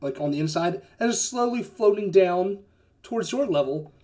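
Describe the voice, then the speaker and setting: A woman game master narrating a tabletop game in a slightly low, lively voice. She talks casually, laughs often and swears freely. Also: normal speed.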